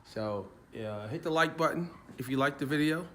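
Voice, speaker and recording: A man's voice: a little high, expressive, normal speed, a bit bright. Casual Philly man outdoors. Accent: Philadelphia. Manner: laid-back, chatty, swears casually. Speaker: car channel host. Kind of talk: casual vlog talk. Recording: noisy outdoor ambience. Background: outdoor noise.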